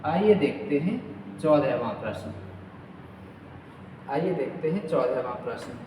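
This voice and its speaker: A man's voice: mid-range voice, lively intonation. Male teacher, distant echoing room. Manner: repeats each question and key word slowly, checking with "ठीक है". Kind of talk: exam-prep quiz lesson. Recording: far from mic in an echoey room with long reverb, faint noise.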